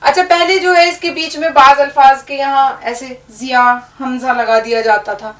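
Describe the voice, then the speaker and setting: A woman's voice: high-pitched, steady tone, normal speed, a bit bright. A woman teaching an Urdu lesson, patiently spelling words out letter by letter. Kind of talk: language lesson. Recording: echoey room, distant mic.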